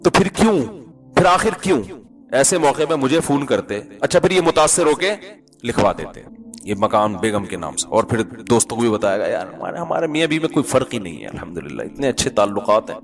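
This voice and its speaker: A man's voice: medium pitch, expressive. A man preaching a sermon as a mufti, chatty and teasing, often asking listeners if he is right and quoting Arabic scripture.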